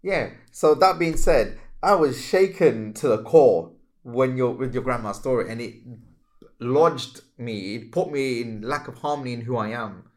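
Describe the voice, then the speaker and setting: A man co-hosting a casual spiritual podcast, animated and exclamatory as he acts out his reactions. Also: medium pitch, moderate pace. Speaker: podcast co-host.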